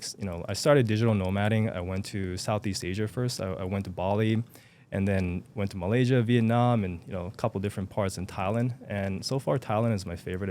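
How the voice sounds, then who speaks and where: Low-voiced young man, hesitant speech. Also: darkish tone, a little hiss or hum. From Japan. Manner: hesitant, many fillers and restarts. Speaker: podcast guest. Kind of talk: casual interview chat.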